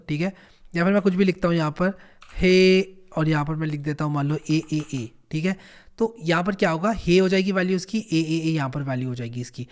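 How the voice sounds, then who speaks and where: A young man teaching programming in a casual, encouraging screen-recorded tutorial, repeating points and coaxing the viewer along. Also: high voice.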